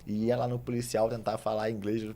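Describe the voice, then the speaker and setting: A Brazilian man with a Brazilian Portuguese accent tells a story on a podcast at a rapid clip. His voice sits fairly low, and he acts out what he said back then. A faint hiss runs under the recording. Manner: animated, acts out his own quoted words. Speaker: podcast guest, jiu-jitsu teacher. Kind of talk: casual storytelling.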